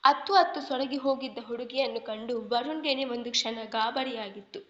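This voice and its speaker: A woman's voice: a little high, moderate pace, pushed and bright, muffled recording. A woman storyteller narrating a serialized romance audiobook, voicing both lovers in the dialogue.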